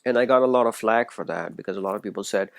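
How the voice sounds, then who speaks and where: A man delivers an earnest religious commentary straight to camera. His low voice has a gravelly fry, and the sound is dry and close. He tends to stumble and restart phrases as he presses his points. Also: quick pace, no echo. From Pakistan. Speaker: video essayist. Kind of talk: solo religious commentary monologue.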